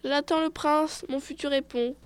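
A soft-spoken young fairy princess from a storybook fairy tale, gentle and a little lonely, as a woman narrator puts her on. The voice is high and dry, kept quiet. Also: fairly even intonation, normal speed, dry recording, close to an everyday voice. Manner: soft, pleading.

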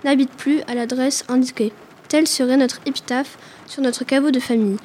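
Une femme qui lit un roman à la première personne, d'un ton posé et intime. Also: female voice, high-pitched, fairly even intonation, a little mellow, a little hiss or hum. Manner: measured, intimate, literary. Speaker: audiobook reader. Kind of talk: first-person literary narration.

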